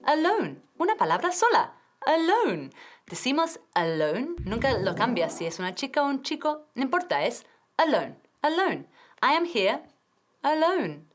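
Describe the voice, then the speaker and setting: Lively woman teaching English. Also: sits high, unhurried. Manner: clear, drilling pronunciation, switching between Spanish and English. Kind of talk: TV language lesson.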